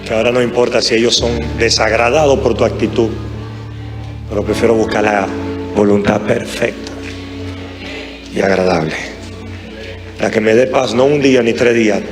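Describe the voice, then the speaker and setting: A man's voice: lowish voice, steady tone, moderate pace, long pauses. Impassioned male preacher over music. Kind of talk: live sermon. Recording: sermon with music behind.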